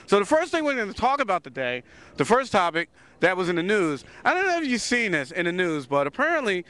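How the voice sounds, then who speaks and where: A man hosts a loose, chatty talk show from a city park, restarting and repeating words as he goes. His voice is bright, crisp and sits somewhat high. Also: sing-song, fast. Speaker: host. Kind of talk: casual outdoor talk show.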